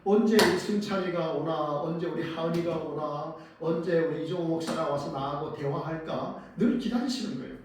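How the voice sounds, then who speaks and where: With a voice on the high side, a pastor preaches at a moderate pace with few pauses, against a noisy background in a church sanctuary. He asks the congregation questions and answers them himself, swelling and dropping dramatically in volume, captured by a distant mic in a very echoey hall.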